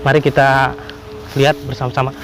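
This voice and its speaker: A man narrating an exploration vlog to viewers in a halting, repetitive way. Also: medium pitch, completely flat delivery, music in the background, low-quality recording. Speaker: vlogger exploring abandoned houses. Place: abandoned roofless house and overgrown grounds in drizzle.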